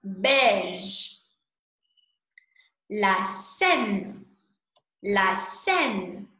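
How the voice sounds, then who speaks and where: A woman teaching French pronunciation, repeating each word slowly with carefully exaggerated articulation. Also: medium pitch, bright, forceful tone, reverberant, low-quality recording.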